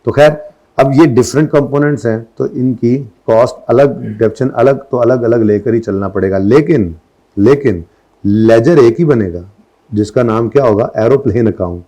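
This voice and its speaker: With a mid-range, dark voice at a moderate pace, a middle-aged lecturer teaches accountancy in Urdu laced with English terms, peppering the students with checking questions.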